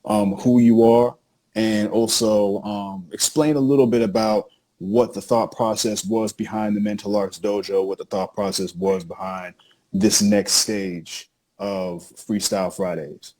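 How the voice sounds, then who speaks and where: Man, co-host, casual chat, animated, hype, lowish voice. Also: measured pace. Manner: animated, hype, repeats phrases. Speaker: co-host introducing the show.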